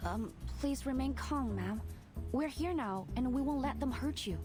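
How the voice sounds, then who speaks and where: A woman's voice: high voice, animated, unhurried, music in the background. A woman playing an earnest, literal-minded young cadet, speaking formally and politely.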